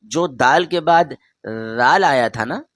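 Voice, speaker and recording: Male Quran teacher, patient and direct, drawn-out letter demos, dry close recording. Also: fairly high pitch, no room sound. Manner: patient, repeats each letter loudly and drawn out; talks straight to the learner, asks them to repeat. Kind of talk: beginner Arabic letter lesson.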